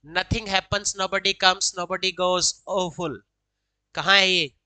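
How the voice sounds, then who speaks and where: A woman teacher walks through exam answers. She reads each question in slow, careful English, then explains it briskly in Hindi. Her voice is bright and crisp, recorded close and dry. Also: lowish voice, fairly even intonation, no echo, poor audio. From Haryana, India. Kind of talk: exam solution lesson, reading questions aloud then explaining.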